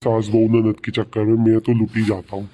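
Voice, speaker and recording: A man's voice: fairly low pitch, monotone, a little fast, warm tone, a little hiss or hum, lightly acted. A young man playing a long-suffering husband in a comic family skit, muttering asides to himself. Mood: grumbling. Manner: grumbling asides.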